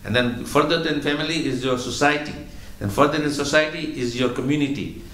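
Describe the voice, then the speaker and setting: A man giving a religious lecture as a spiritual teacher, explaining slowly and patiently, often repeating words as he goes. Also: medium pitch, fairly bright tone, roomy sound, rough recording.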